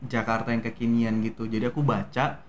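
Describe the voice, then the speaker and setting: Speaking a little fast in a mid-range voice, this young man from Medan, a guest actor with a softened local Indonesian accent, recounts his story casually in an interview. He sounds relaxed but hesitant, with many fillers and slight background noise.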